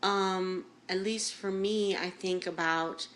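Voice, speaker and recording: A woman's voice: medium pitch, steady tone, fairly bright tone, slight background noise. A woman co-hosting a podcast in casual chat, joking and slangy. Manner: jokey, slangy, drawn-out delivery. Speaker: podcast co-host.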